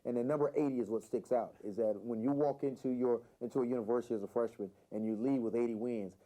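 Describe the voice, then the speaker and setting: Fast-talking coach with a dark voice. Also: male voice, medium pitch, fairly even intonation, low-quality recording. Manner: repeats words as he gets going. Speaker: basketball head coach. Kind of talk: interview answers.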